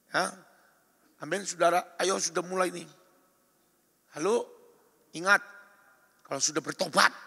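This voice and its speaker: A male pastor preaches with a high, gravelly, husky voice. He exhorts emphatically, his bright, forceful tone rising to loud calls and dropping to soft asides. The long reverb of a large hall trails every phrase. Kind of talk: sermon. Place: church or retreat hall.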